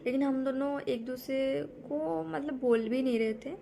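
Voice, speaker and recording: A woman's voice: sits high, normal speed, creaky, dark tone, a little hiss or hum. A young woman telling a frightening true story in a casual, rambling way, often repeating herself and restarting sentences.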